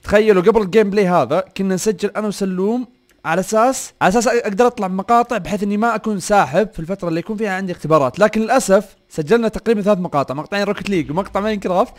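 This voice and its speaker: A young man, hosting a gaming video and commenting on the gameplay, often repeating short words in quick bursts. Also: high-pitched. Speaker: gaming channel host.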